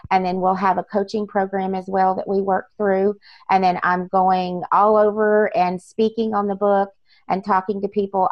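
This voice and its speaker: A woman talks earnestly about her work as an interview guest, stringing her points together in long run-on lists. Her voice has a gravelly fry to it, and the recording sounds dry and a little dull. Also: mid-range voice, dry recording. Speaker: author guest. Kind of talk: casual interview talk.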